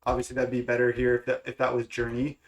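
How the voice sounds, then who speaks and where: The audio is dull as a young male gaming content creator talks fast with a completely flat delivery in a medium-pitched, stuffy, congested voice. He casually thinks aloud about his card game choices, hesitating with lots of fillers and restarts.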